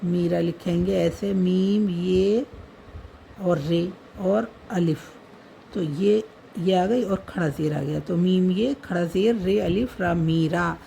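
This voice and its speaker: A woman teaching how to write words in a script, spelling out each letter slowly and repeating the words as she goes. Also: on the low side, gravelly, dark tone, a little hiss or hum, poor audio. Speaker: language teacher. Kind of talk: slow step-by-step writing lesson.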